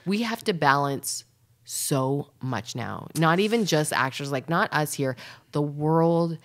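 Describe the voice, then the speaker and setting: A Canadian woman comedian, a podcast guest, chatting casually and rambling, sometimes dropping to a breathy whisper. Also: sits low, lively intonation, slow. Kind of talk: casual chat.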